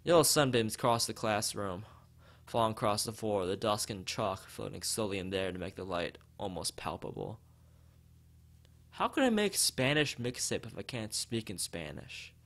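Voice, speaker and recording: A man with a low-leaning, expressive, fairly bright voice reads a visual novel aloud on stream at a moderate pace, sprinkling in casual comments. He frequently stumbles over the text and repeats phrases over background music.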